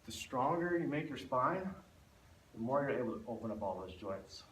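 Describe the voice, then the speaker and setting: Leading a spinal stability session, this instructor has a mid-range, somewhat bright and expressive voice at a moderate pace, slightly winded while he talks through and shows the exercises. Sound is echoey and distant with a little noise.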